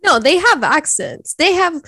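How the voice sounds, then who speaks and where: A woman co-hosting a podcast in casual chat, chatty and quick with asides, laughing often. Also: high voice, very animated, pushed and bright, no room sound. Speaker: podcast co-host.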